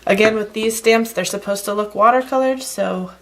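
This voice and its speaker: A woman's voice: mid-range voice, moderate pace, background noise. A woman giving a casual, chatty card-making tutorial with plenty of fillers, a slight frog in her throat. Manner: chatty, relaxed, many fillers. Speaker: stamping craft demonstrator.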